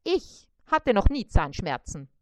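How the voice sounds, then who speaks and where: A woman's voice: mid-range voice, big pitch swings, slow pace, no room sound. A woman voicing a small, cheeky male critter who is smug and boastful in a children's story. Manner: smug and teasing.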